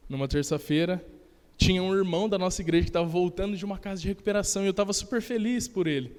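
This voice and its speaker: A young Brazilian man giving an animated testimony during a church service, acting out the dialogue of his story. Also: high-pitched, rapid-fire. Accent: Brazilian Portuguese. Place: church sanctuary. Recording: long church hall reverb.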